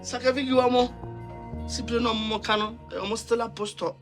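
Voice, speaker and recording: A Ghanaian man playing an animated comic character in a skit. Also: extremely high pitch, brisk, soft background music. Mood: urgent.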